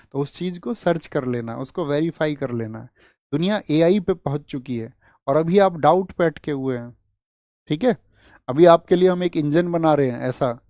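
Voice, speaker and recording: A male teacher runs a lively exam-prep lesson, drilling students with quick call-and-response questions. His voice sits a little high for a man. It is recorded close up with a dry, echo-free sound.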